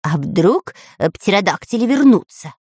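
A woman's voice: medium pitch, sing-song, normal speed, a little mellow, breathy edge, dry recording, clean studio sound. A woman voicing a whiny, cowardly male spy in a children's audiobook, who grumbles and whines. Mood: grumbling. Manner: whining and grumbling.

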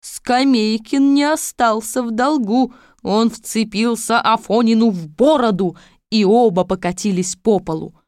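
A woman narrating a fairy tale audiobook in a calm, even storytelling manner. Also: fairly high pitch, a little slow, no room sound, studio quality.

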